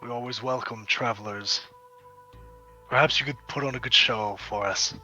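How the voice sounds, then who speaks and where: A man voicing a stately, courtly fire king who speaks graciously with a quiet menace. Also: medium pitch, fairly even intonation, moderate pace. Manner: formal, gracious, quietly threatening. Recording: dull lo-fi audio with faint music.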